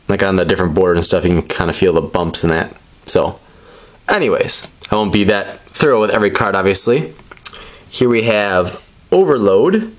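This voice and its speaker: A man giving casual, unscripted commentary as he presents trading cards, explaining things in a rambling, tentative way. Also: sits low. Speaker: presenter opening trading card packs.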